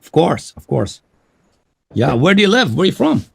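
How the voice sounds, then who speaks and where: A man hosting a live call-in debate, pressing his guest with animated, challenging questions. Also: fairly high pitch, normal speed, vocal fry, slightly rough. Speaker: show host.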